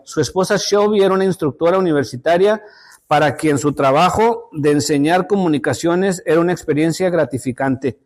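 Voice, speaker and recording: High-voiced man teaching Sunday school. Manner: storytelling, addresses listeners as brothers; repeats words, restarts phrases.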